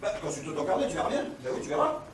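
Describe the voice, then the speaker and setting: An actor playing a harried man arguing on the phone, exasperated and breaking into shouts, in a stage farce. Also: sits high, very animated, very fast, vocal fry, a little hiss or hum, heavily acted. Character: harried middle-aged man bickering on phone. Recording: roomy stage sound from far off, loud audience.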